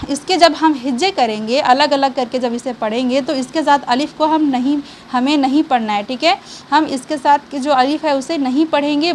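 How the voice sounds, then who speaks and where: A high-voiced woman gives a patient, step-by-step online reading lesson. She asks a question, answers it herself, and checks in with learners again and again. A faint hiss sits under her voice. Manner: reassuring, checks in with frequent okays. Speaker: Quran reading teacher.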